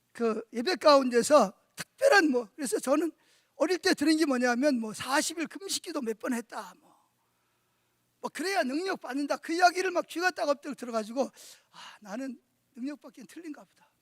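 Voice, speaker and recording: A middle-aged male pastor preaching a sermon at a church conference, telling stories in an animated way and often asking the congregation rhetorical questions. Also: very high voice, no echo, studio quality.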